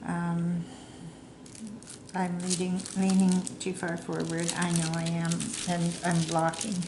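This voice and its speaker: A middle-aged woman talks slowly, in a chatty, meandering way, as she works on a craft project. Her voice sits a little low. The room sounds echoey, and steady noise and crinkling carry through the recording. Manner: rambling, chatty, self-deprecating. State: hiccups. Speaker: crafting vlogger. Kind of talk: casual chat while crafting.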